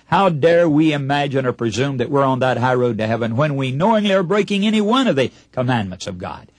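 Preaching over the air, this man speaks at a medium pitch with a breathy edge, and the recording has no echo. His Bible sermon is forceful, full of questions aimed at the audience and little staged exchanges he plays out himself.

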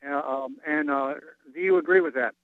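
A man calling in to a radio show over the phone, asking a question and often pausing to search for words. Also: medium pitch, steady tone, no room sound. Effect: phone line call-in voice. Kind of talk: call-in question to a Bible talk show. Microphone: telephone. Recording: tinny phone line.

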